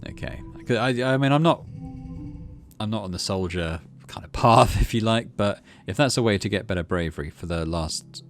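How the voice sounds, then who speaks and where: Soft music plays behind a middle-aged gaming host whose voice is fairly low and moderately paced. He thinks out loud while casually commenting on a let's play and narrating its story.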